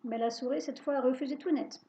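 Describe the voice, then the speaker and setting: Expressive woman reading a children's tale. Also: high-pitched, quick pace. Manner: lively, expressive first-person telling. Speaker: storyteller. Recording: dull lo-fi recording.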